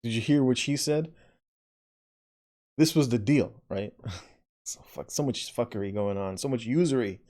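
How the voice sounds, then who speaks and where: A man's voice: mid-range voice, moderate pace, long pauses, mellow. A man giving blunt reaction commentary, often tagging his points with a question and swearing. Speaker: video commentator. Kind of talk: reaction commentary on a played clip.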